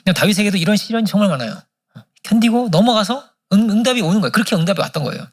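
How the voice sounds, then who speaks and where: A man's voice: high-pitched, expressive, racing. A male pastor preaching a sermon at a church service, telling a story and acting out the prayers in it. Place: church sanctuary.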